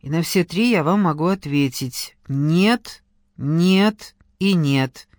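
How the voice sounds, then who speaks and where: A man reading a sharp, brusque young woman. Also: on the high side, slow pace, dry recording, clean studio sound. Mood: dismissive. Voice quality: clipped, brusque. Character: sharp-tongued young woman, hostile then grudging.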